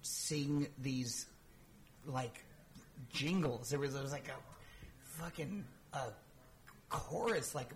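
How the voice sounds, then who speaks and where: A man in casual podcast chat, mid-pitched, who wanders through his thoughts with plenty of fillers and restarts. A faint hiss of background noise sits under his voice. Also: takes it slowly, pauses often. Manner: rambling, filler-heavy, says "dude" and "you know" a lot.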